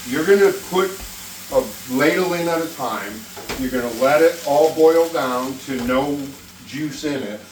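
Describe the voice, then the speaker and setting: Male home-cook host, folksy, jokey and profane; roomy sound, mic at a distance. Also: medium pitch. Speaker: cooking show host. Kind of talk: casual cooking demonstration. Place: indoor kitchen. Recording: roomy, distant mic, faint kitchen noise.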